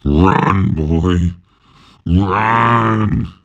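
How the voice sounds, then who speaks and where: A growling fire-filled monster. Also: male voice, low-pitched, extremely slow, fairly bright tone, highs cut off, pitched below the performer's own voice, full character voice. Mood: snarling commands. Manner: snarling, commanding, harsh. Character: young man turned fire-filled, snarling monster. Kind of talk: audiobook narration.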